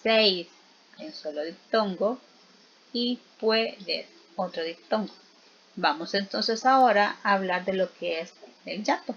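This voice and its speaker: Slow, patient woman teacher. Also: mid-range voice, fairly bright tone, husky, dull audio. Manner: slow, patient explaining with frequent check-in questions. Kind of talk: spelling lesson.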